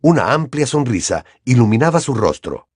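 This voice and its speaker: Guy reading an audiobook, very animated pitch, dry close mic. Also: normal speed, husky, no room sound. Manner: expressive storytelling. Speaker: audiobook narrator. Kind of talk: scripted narration.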